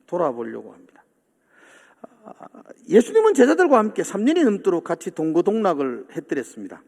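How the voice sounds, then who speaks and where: Male pastor, high voice, very lively pitch, animated sermon, long church reverb. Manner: animated preaching, acting out the disciples' complaints. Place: church sanctuary.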